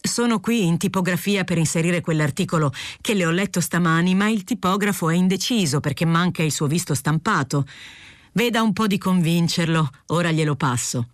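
A woman reading aloud, voicing a weary but stubborn aging male newspaper editor who speaks calmly and evenly. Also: fairly low pitch, no room sound, clean studio sound, natural voice. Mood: coolly insistent. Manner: calm, measured, feigning nonchalance.

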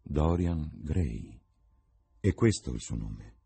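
A man's voice: very deep voice, lively intonation, slow pace, vocal fry, warm tone, slightly rough, heavily acted. A man voicing a witty, cynical young lord with an ironic, drawling manner.

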